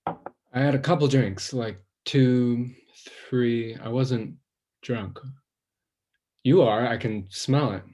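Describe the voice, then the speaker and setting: A man playing a halting, ashamed young man. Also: medium pitch. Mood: evasive. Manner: halting, rambling, trails off into quiet self-doubt. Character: anxious, self-conscious young man, recently fired. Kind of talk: stage play acting.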